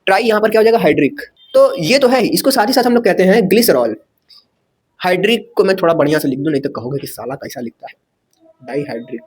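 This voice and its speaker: High-voiced chatty male chemistry teacher. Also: expressive, fast talker, husky. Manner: chatty, asks rhetorical questions, jokes and corrects himself. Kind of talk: casual chalkboard lecture.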